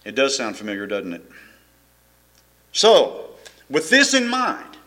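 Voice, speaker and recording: A man's voice: medium pitch, wildly swooping pitch, slow, sharp tone. A middle-aged man, preaching a folksy, rambling sermon full of restarts and chuckles. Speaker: pastor.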